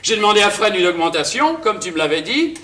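A man playing a broke cornet player in a stage comedy, wry and bantering, with quick comebacks. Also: sits high, very animated, fairly bright tone. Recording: roomy stage sound, faint hiss.

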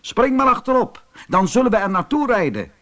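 Here is a mysterious cloaked rider from a storybook, coaxing and eager, as a man puts him on. The voice sits well above the reader's own and swings widely in pitch. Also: sing-song, brisk, pushed and bright, heavily acted. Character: mysterious cloaked male rider, smooth and persuasive.

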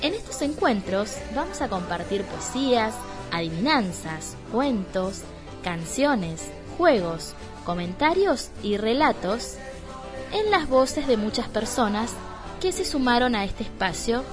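An Argentine woman introduces a children's radio program with a bouncy, animated voice. Her pitch sits a little high. Loud music plays under her words. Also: takes it slowly. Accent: Argentine Spanish. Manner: warm, lively announcing for children.

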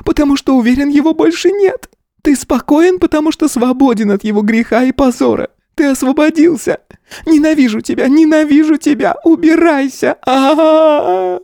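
Man doing a shrill, furious older wife. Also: moderate pace, mellow, dry recording, studio quality, natural voice. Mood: hysterical. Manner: shrill, hysterical, spiteful.

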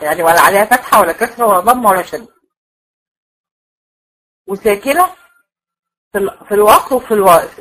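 A woman's voice: mid-range voice, fairly bright tone, rough recording. A woman with an Egyptian Arabic accent teaching a Quran recitation class, explaining each point step by step and repeating it to check that it is understood. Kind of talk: classroom lecture.

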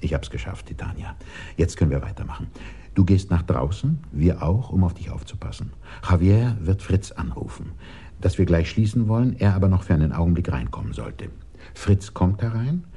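A man's voice: low voice, dark tone, husky, exaggerated voice. An actor playing a scheming man who commands and instructs others at length, in a 1980s radio drama.

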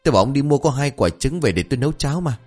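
A man voicing a shrill, exasperated village wife who scolds her husband. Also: lively intonation, fast talker, a little mellow, faint music behind. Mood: scolding.

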